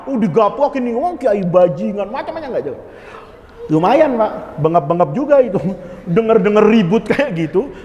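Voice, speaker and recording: Lively, joking male preacher with a high voice, echoey mosque hall. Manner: humorous, lively storytelling with laughs. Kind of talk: storytelling sermon.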